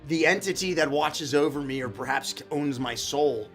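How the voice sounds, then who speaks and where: A man's voice: fairly high pitch, moderate pace, a bit bright. Casual male tabletop gamer, faint music. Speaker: tabletop game player. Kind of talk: casual in-game chat.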